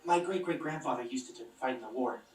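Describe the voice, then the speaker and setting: An actor voicing an awkward, friendly young blond guy who talks in a sheepish, hesitant way in an animated series. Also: medium pitch, fast, lightly acted. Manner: sheepish, hesitant and self-deprecating. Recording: echoey, distant playback with music.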